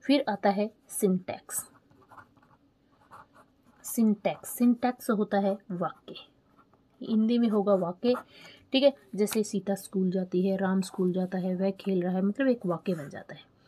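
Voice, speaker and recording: A woman teacher, explaining an exam lesson slowly, repeating key terms and asking checking questions. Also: medium pitch, fairly even intonation, warm tone. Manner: spells terms out letter by letter while writing. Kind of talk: online exam-prep lesson.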